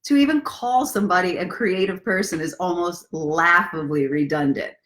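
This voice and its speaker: Lowish in pitch, slightly bright, and at a moderate pace, this woman hosts a casual live story time as a self-love coach. Her address to viewers is direct, playful, and encouraging, combining easy chat, guided breathing, and reading from a book.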